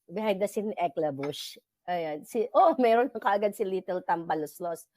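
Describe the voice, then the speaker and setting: A woman's voice: fairly low pitch, normal speed, mellow, dry recording. A woman with a Filipino accent hosting a casual live chat with viewers, mixing Tagalog and English and laughing often. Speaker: livestream host.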